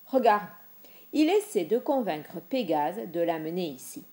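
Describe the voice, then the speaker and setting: An old king of the gods, wry and sure of his power, speaking slowly in a mellow tone, as a woman storyteller voices him. His pitch moves freely as he comments from on high. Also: big pitch swings. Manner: wry, amused and authoritative.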